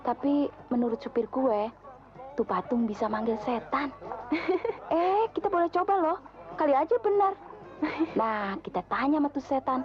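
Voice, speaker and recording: High-voiced young woman. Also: animated, normal speed. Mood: playful, flippant. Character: flippant, easily frightened young female student friend. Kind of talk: Indonesian horror film acting, casual slang. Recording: dull lo-fi old film soundtrack.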